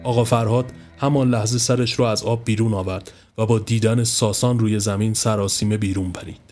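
Man narrating a horror story. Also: mid-range voice. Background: soft music.

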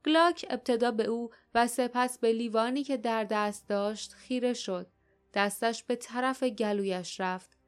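A woman narrating an adventure audiobook in a steady, expressive storytelling manner. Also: on the high side, clean tone. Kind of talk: scripted narration.

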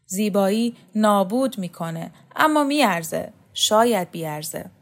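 A woman voicing a mysterious barefoot poet-magician who speaks in a calm, philosophical way. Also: mid-range voice, gravelly.

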